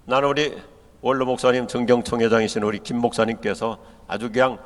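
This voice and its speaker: In a big church hall full of long reverb, an older preacher speaking with a Chungcheong Korean accent entertains an audience of pastors with jokes and a funny sermon. His voice is mid-range and fairly quick, and he performs dialect and quotations in animated voices.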